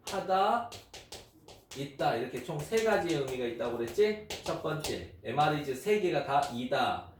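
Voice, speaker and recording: A man teaching English grammar to children, explaining step by step and repeating example phrases slowly. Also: a little high. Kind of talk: unedited grammar lesson for children. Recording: echoey room, mic far off, faint noise.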